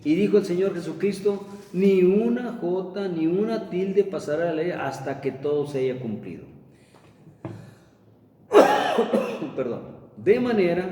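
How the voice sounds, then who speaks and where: A man's voice: dark tone, slight background noise. Male preacher, emphatic sermon delivery, recorded far off in a reverberant hall. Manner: emphatic, rises for quotes then drops low. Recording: echoey room heard from a distance.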